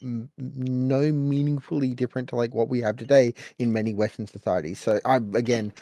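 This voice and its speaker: A man moderating a voice chat debate, skeptical and halting, with many fillers. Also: mid-range voice, steady tone, warm tone, no room sound.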